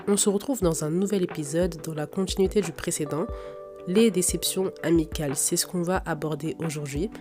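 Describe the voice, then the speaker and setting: A woman's voice: lowish voice, a little fast. A young woman hosting a podcast with a blocked nose and a cold, giving direct, informal advice straight to the listener. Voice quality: congested, blocked-nose nasal voice. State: sick with a cold and sore throat. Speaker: podcast host. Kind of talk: casual advice monologue to listeners. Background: faint background music.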